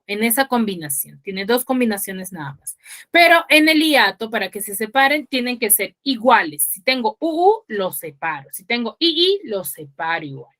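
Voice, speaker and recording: Bright, higher-voiced woman teacher, patient step-by-step explainer, video-call lesson. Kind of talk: online class lecture.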